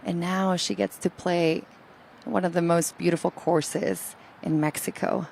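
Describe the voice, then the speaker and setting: Casting: woman golf commentator, creaky lower register, explanatory, light ambient noise behind. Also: level tone, a little slow, darkish tone, rough recording.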